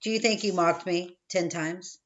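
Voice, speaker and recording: A woman's voice: lowish voice, steady tone, moderate pace, dull audio, natural voice. A woman reading an audiobook, voicing a haughty, stern male village priest who presses with questions. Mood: haughty, pressing.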